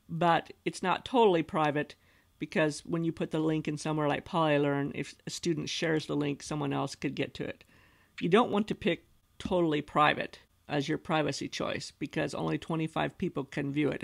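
Gravelly-voiced woman narrating a tutorial. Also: deep voice. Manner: patient step-by-step explaining. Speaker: instructional designer. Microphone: voice-over recorded over screen capture.

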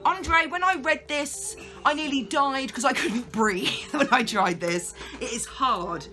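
A woman in her thirties with a British accent, chatting casually and jokily in an excitable, giggly way as a vlog co-host. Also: high-pitched, a little slow, faint music behind. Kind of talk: casual, jokey challenge chat.

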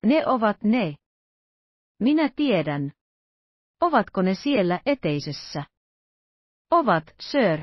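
A woman's voice: medium pitch, big pitch swings, long pauses, dry recording. Jittery wealthy man, read by a woman narrator, tense and clipped; dry, slightly muffled audiobook. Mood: commanding. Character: nervous wealthy male millionaire, anxious and commanding.

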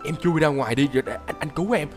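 Young man, high and fast, jittery game narrator who repeats himself. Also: soft background music. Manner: excitable, jittery, repeats words. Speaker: gaming YouTuber. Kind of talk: excited gameplay narration.

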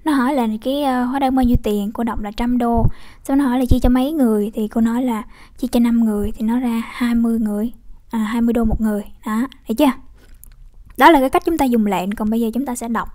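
A young woman teacher with a Vietnamese accent works through English exam questions in a walkthrough lesson. Her slightly high voice is fast and mellow, and she explains step by step, using frequent tag questions.

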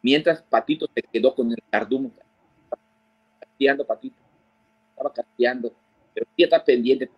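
A Mexican fishing guide, a guest in a storytelling interview, tells fishing tales with animation and acts out the voices of the people in them. His voice is medium in pitch with a breathy edge, and he speaks at a moderate pace with long pauses. The recording is muffled and has no room sound.

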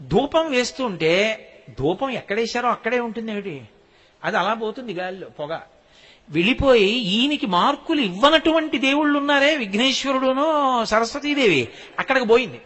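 A man with a Telugu accent giving a devotional discourse, telling stories with acted quotes and slow chanted verses. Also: very high-pitched, animated, a bit bright. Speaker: spiritual discourse speaker.

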